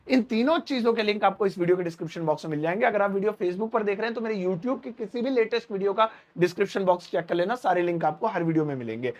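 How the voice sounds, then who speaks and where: Male English teacher, high voice, quizzes himself aloud, drags out example phrases slowly. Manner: asks questions and answers them himself; slows down to spell out English phrases. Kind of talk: spoken English lesson explained in Hindi. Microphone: speaking to camera.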